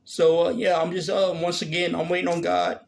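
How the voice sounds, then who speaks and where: Hesitant man in his thirties, flat creaky voice. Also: on the high side, brisk. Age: 30s. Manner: hesitant, many fillers and restarts. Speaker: vlogger. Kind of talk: casual Q&A vlog.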